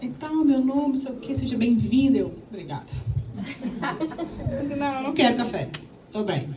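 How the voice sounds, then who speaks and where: A woman from Minas Gerais, Brazil, with a Minas Gerais accent, telling her personal testimony to a live audience in an animated, chatty way and acting out the dialogue. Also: high voice, normal speed, echoey room, distant mic, noisy background. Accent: Minas Gerais Brazilian Portuguese. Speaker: speaker giving a church testimony.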